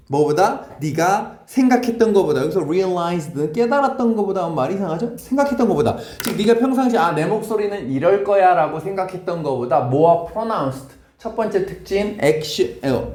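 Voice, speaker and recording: A high-voiced man runs a brisk English grammar lesson in a reverberant classroom, firing questions at his students. He mixes Korean and English as he walks through each sentence. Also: darkish tone. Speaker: English teacher.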